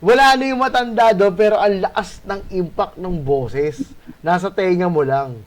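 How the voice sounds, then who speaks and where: A male host telling a spooky encounter in a casual, animated way, swearing and adding tag questions. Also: high-pitched, normal speed. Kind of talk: casual storytelling of a ghost encounter.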